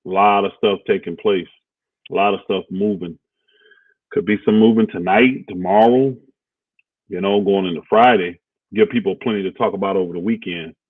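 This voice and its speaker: A deep-voiced man talks through sports news in a loose, rambling way, pausing on fillers as he thinks aloud. The sound is dry and thin, like a phone line. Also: fairly even intonation, dry recording. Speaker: co-host of a basketball talk stream. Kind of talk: casual sports talk livestream.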